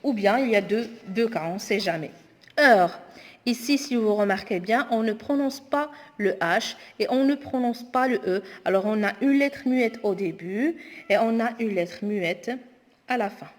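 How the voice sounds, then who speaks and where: A woman teacher going through homework exercises aloud, slowly and deliberately spelling words out. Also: mid-range voice. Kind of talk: spoken homework correction lesson. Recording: long echoing reverb.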